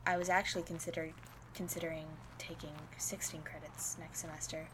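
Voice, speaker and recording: A woman's voice: low-pitched, flat delivery, fairly quick, noisy background, natural voice. A woman playing a stressed, overworked young college student, speaking conversationally in an audio drama. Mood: stressed, weary. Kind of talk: naturalistic audio drama acting.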